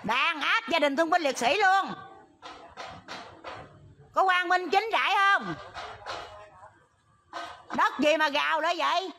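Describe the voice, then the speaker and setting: A woman's voice: very high-pitched, slow pace, long pauses, sharp tone, a little hiss or hum. A middle-aged woman with a Southern Vietnamese accent from the Mekong Delta, pleading agitatedly in a livestream from a roadside near a school. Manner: agitated, pleading, repeats "there" to point things out. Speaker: protester livestreaming a land dispute. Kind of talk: impassioned livestream appeal. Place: outdoors by a road near a school.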